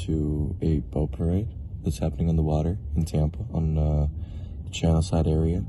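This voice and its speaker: A man from Russia, slightly hoarse and tired, talking casually to camera as he walks outdoors through busy streets. He is upbeat and rambling, and he swears casually. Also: very deep voice, flat delivery, moderate pace, warm tone, a little hiss or hum, rough recording. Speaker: vlogger. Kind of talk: casual walk-and-talk vlog.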